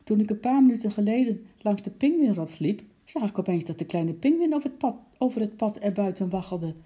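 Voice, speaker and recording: A woman's voice: low-pitched, animated, fairly quick, dull audio. A woman voicing a young male zookeeper who is out of breath with news. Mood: urgent.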